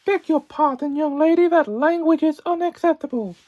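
A man's voice: extremely high pitch, moderate pace, dull audio. A man voicing a strict woman doll in an amateur puppet show, scolding like a prim schoolmarm, stern and proper. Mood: stern, indignant.

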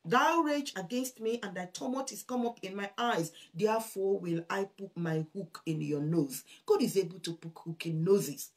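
A woman preaching with fervor, her voice pitched in an ordinary middle range. She reads scripture in old-fashioned wording, swells loud on key words and drops soft on asides. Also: moderate pace, few pauses. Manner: addresses listeners as brethren. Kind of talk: sermon with scripture reading.

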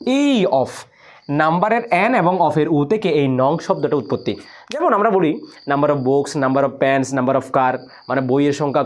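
A young man, an English teacher, explaining grammar to students and often asking whether they follow. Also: fairly high pitch. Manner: lively, questioning the listener directly.

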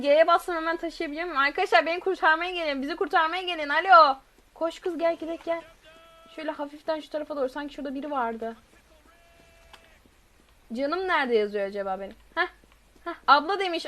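A woman's voice: very high-pitched, a little fast, pauses often, fairly bright tone. A woman streaming a game live, chatting with viewers, reading their messages aloud and shrieking when chased. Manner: reads chat messages aloud. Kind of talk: live gameplay commentary.

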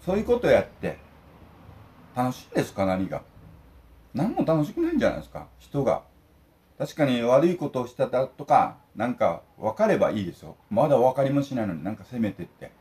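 A man's voice: mid-range voice, big pitch swings, a little fast, dark tone. An older man ranting indignantly and emphatically to his viewers while eating lunch at home. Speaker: vlogger.

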